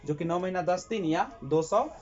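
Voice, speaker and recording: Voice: mid-range voice, moderate pace, a little mellow, highs cut off. Teacher quizzing a class, answering himself. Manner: asks the class a question, then answers it himself; repeats key terms for emphasis. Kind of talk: classroom lecture with call-and-response questions.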